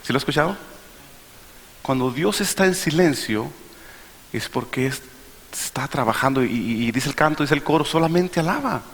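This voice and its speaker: A man's voice: mid-range voice, moderate pace, pauses often, fairly bright tone, in a large hall. A man preaching a sermon to his congregation, emphatic and full of rhetorical questions. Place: church.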